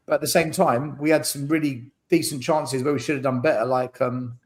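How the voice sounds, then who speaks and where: A man's voice: medium pitch, steady tone, brisk, darkish tone. A man giving blunt, emphatic football opinions on a podcast over a video call. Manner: blunt, emphatic, repeats his points. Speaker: podcast panelist. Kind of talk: casual football chat.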